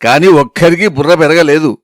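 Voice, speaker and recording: A man voicing a protective grandmother who scolds her family sharply and coaxes her granddaughter gently, in a storytelling reading. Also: medium pitch, a little slow, no room sound, studio quality, voice pushed down, lightly acted. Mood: scolding. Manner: sharp scolding, then soft coaxing.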